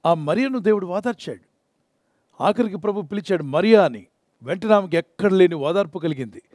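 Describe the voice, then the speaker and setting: Male pastor, high voice, earnest devotional sermon, dry close sound. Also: expressive, a little fast, darkish tone, no room sound. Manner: earnest preaching, acts out prayers and quotes.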